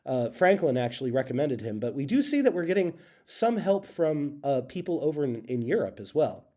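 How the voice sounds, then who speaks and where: Mellow-voiced man, casual history lecture. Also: on the high side, big pitch swings. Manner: casual, halting, with many fillers and self-corrections. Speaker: history teacher. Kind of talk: recorded classroom lecture.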